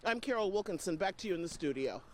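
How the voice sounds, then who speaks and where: A woman's voice: fairly low pitch, animated, fast talker. A woman delivering live field news reports with an emphatic on-air delivery, recorded outdoors on location. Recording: outdoor field audio with faint noise.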